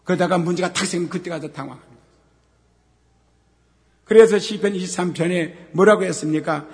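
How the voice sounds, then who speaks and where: A middle-aged man preaching a sermon as pastor, moving from quiet talk to shouted scripture and asking questions he then answers himself. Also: high voice, a little fast. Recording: long hall reverb.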